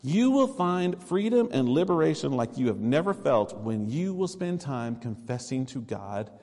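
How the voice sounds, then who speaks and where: A male pastor delivers a sermon in an earnest, conversational way, driving points home with short emphatic urgings. His voice sits at an ordinary middle pitch and rings out with the long reverb of a church sanctuary. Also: sing-song, moderate pace, gravelly, darkish tone.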